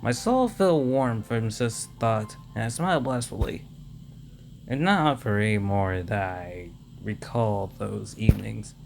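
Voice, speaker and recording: A man reading a visual novel aloud with casual commentary, halting and stumbling over words. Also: fairly low pitch, creaky, music in the background. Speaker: let's play host reading a visual novel.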